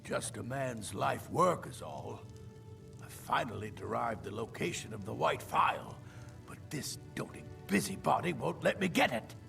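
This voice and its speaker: A man's voice: medium pitch, expressive, unhurried, a bit bright, faint music behind, exaggerated voice. An actor voicing a frail, ailing old male elf scholar in a video game, speaking in a weary, dramatic way. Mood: weary, frustrated. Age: older. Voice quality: weak, creaky, ailing voice. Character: frail old elven scholar shopkeeper, wistful, obsessed. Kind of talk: video game character acting.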